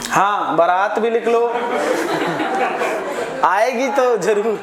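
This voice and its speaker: A man lectures slowly to a room of students, saying each word over and over and checking back with them. His voice rings around an echoey classroom, with student chatter clearly heard behind him. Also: high-pitched. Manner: repeats each word several times, keeps asking "है ना". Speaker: Hindi grammar teacher.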